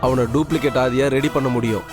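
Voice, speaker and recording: A man's voice: medium pitch, steady tone, fast, close to an everyday voice. A man playing a sly scheming father. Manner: sly, conspiratorial, self-satisfied. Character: scheming father plotting with his daughter. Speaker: actor in a TV serial. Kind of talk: TV serial acting. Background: loud background music.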